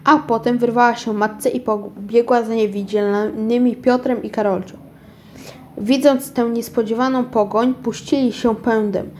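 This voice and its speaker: A woman's voice: on the high side, steady tone, measured pace, darkish tone, a little hiss or hum. A woman reading a children's story aloud in an unpolished way, often stumbling and restarting words. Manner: unpolished reading with frequent restarts and self-corrections.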